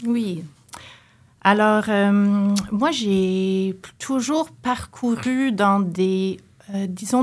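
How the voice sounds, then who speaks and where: A Canadian woman professor speaks as a guest in an academic interview. She talks thoughtfully and hesitantly, with frequent pauses and fillers. Her voice sits at a middle pitch.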